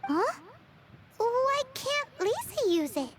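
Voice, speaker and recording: Paimon, a squeaky fairy companion. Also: female voice, very animated, slow, noisy background, heavily acted. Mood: curious. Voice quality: high, bouncy and childlike. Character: tiny floating female fairy companion, chatty and excitable. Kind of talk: video game voice acting. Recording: game audio with loud music behind.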